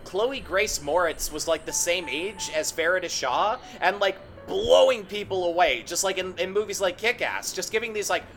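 A man's voice: sits high, lively intonation, moderate pace, few pauses, fairly bright tone, soft background music. A man in a casual movie review chat, rambling and filling his sentences with "like". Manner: rambling, heavy use of "like".

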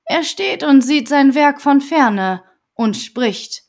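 A woman reads rhyming storybook verse for bedtime in a calm, rhythmic way. Her voice sits fairly high, and she takes her time, letting each line unfold slowly. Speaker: audiobook reader.

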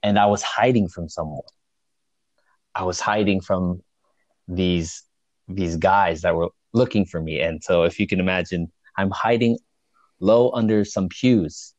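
Low-voiced man telling a story haltingly. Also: fairly even intonation, a little mellow, dry recording. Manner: halting, frequent restarts and chuckles. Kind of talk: casual spoken storytelling. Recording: dull lo-fi dry recording.

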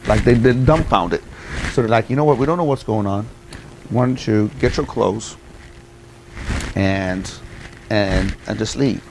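A middle-aged man with a fairly low voice tells a personal story as an interview guest. He rambles, using many fillers and repeats, over a noisy background.

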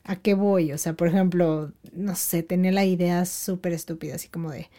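Slangy Mexican woman, mellow voice. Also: lowish voice, steady tone, a little fast. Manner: rambling, slangy, many "o sea" fillers, laughs between phrases. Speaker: vlogger. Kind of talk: casual chat to viewers.

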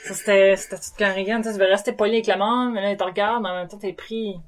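A nurse and comedian with a Québécois French accent tells lively anecdotes in a casual interview, slipping in English words. Her voice is mid-range and she talks very fast.

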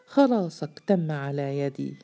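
A woman's voice: deep voice, animated, a little slow, mellow, faint music behind. Woman reading as a pleading frightened police chief. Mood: hopeful. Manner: pleading, anxious. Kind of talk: storybook reading.

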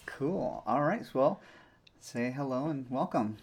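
A man's voice: mid-range voice, expressive, takes it slowly, creaky. A man hosting a podcast in casual conversational chat. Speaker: podcast host.

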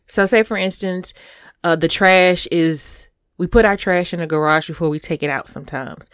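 A woman's voice: fairly low pitch, no echo. Woman in her 30s just chatting, emphatic and frank, keeps asking right?, dry sound. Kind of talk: casual chat.

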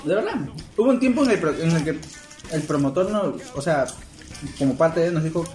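A young man, chatting casually in an animated, questioning way. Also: a little high, brisk, roomy sound, soft background music. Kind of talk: casual chat.

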